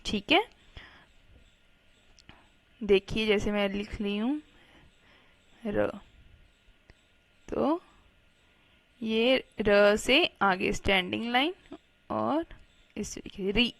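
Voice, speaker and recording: A woman's voice: mid-range voice, drawn-out words, gravelly, long pauses, dry recording. A woman teacher giving a children's Hindi reading lesson, patiently spelling each word out syllable by syllable.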